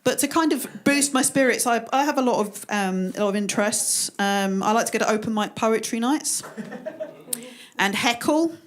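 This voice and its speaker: A woman's voice: fairly high pitch, moderate pace. Dry self-deprecating woman comic. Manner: dry, self-deprecating delivery with put-on voices for quotes. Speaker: stand-up comedian. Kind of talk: stand-up comedy set. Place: comedy club stage.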